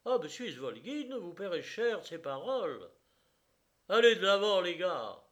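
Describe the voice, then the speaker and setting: A man's voice: high-pitched, very animated, unhurried, fairly bright tone, pitched above the performer's own voice, exaggerated voice. A man voicing a threatening police officer who barks orders in a rage. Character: menacing, enraged police sergeant-major, a grown man.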